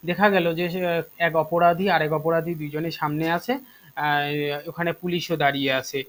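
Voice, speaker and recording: A man teaches an online lesson in a voice pitched a little high. He explains step by step, pausing on fillers and checking in with his students. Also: steady tone, fairly bright tone, low-quality recording. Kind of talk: online class lecture.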